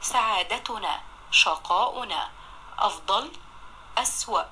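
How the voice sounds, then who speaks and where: A woman with an Egyptian accent teaching a recorded primary-school Arabic lesson, drawing words out slowly to sound them out and praising her pupils. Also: medium pitch, lively intonation, bright, forceful tone, slight background noise.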